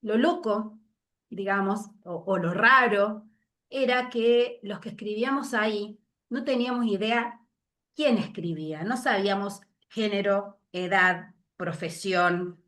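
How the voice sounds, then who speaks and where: A woman giving an invited talk over a video call, moved and reflective, pausing often with fillers. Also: medium pitch, a bit bright. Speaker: invited speaker.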